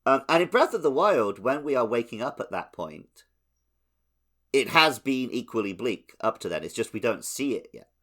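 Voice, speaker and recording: Chatting casually about video games as a podcast co-host, this man has a medium-pitched, fairly bright voice. He sounds very animated while keeping a moderate pace.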